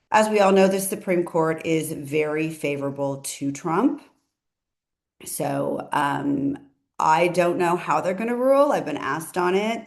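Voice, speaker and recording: A woman attorney giving casual legal commentary in a chatty way, often correcting herself and adding asides. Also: low-pitched.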